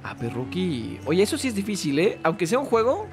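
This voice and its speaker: Mexican gamer guy, playful chatty commentary, animated higher voice, music under it. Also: brisk. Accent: Mexican Spanish. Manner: joking, chatty, talks to the game character. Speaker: gaming YouTuber. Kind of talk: casual gameplay commentary.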